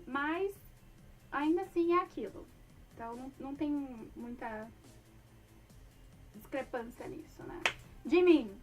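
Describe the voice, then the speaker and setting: A woman's voice: high voice, a little slow, pauses often, darkish tone, distant mic, faint music behind. A young woman chatting casually as a fan, gushing and rambling with many fillers. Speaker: fan talking about a band. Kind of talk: casual chat.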